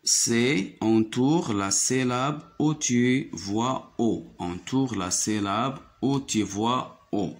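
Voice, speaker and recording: A man teaching a children's French phonics lesson with a Moroccan French accent, saying each word slowly and repeating it twice. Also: medium pitch.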